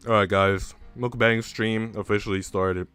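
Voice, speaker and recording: A young American livestream host speaks a little slowly in a smooth, fairly bright voice on the low side, his intonation fairly even and the sound free of room echo. At home with music in the background, he chats informally with viewers, using slang and swearing a lot.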